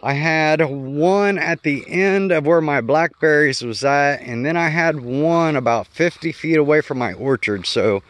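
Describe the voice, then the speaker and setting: The homestead vlogger's voice is a little high, his pace measured with few pauses, and there's no room sound. Walking through his garden yard outdoors, he gives a casual, unscripted explainer, thinking aloud and correcting himself as he goes.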